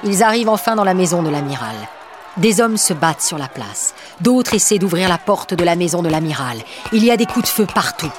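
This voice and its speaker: A woman narrating a storybook with an expressive reading. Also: lowish voice, a little fast. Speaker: audiobook narrator.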